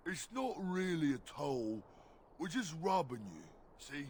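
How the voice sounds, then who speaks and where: A man's voice: fairly high pitch, sing-song, unhurried, a little mellow, a little hiss or hum. An actor playing a blunt, menacing bandit henchman in a fantasy game. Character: gravelly thuggish bandit henchman.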